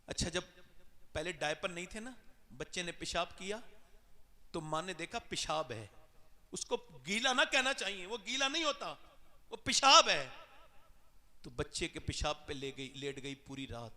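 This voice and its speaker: A man preaching an emotional sermon, his voice swinging sharply from loud cries to low, hushed passages. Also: expressive, pauses often. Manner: impassioned, sweeping swings in pitch and loudness. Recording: long reverb of a large hall.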